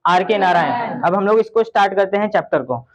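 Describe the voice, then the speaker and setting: A man teaching an English story to a class, reading lines slowly and explaining them with questions to his students. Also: high-pitched, animated, poor audio.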